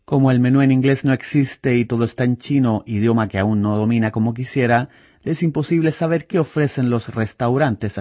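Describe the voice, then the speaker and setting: A man narrating a news report in a measured, scripted voice-over. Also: mid-range voice, a little mellow, dry recording.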